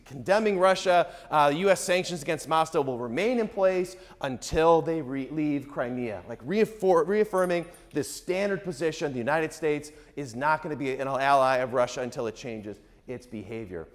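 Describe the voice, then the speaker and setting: A male political science lecturer giving a public talk in a conversational, sarcastic way, often checking in with the audience. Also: high-pitched. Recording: echoey hall with long reverb.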